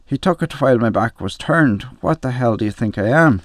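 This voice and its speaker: A man's voice: mid-range voice, animated, a little fast, no echo, studio quality, close to an everyday voice. A man voicing an embarrassed middle-aged father who hisses and pleads in a story reading. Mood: indignant. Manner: hissing urgent whispers.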